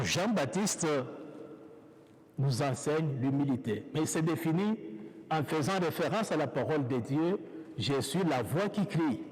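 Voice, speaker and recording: A priest with an African French accent giving a sermon in a church, speaking in slow, measured phrases with pauses and restarts. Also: male voice, fairly high pitch, a little mellow. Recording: reverberant church hall.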